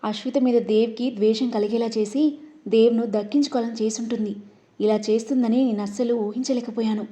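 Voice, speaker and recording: A woman's voice: on the high side, fairly even intonation, brisk, dark tone, lightly acted. A woman doing a stern old grandmother matriarch. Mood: rueful. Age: older. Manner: scolding, commanding.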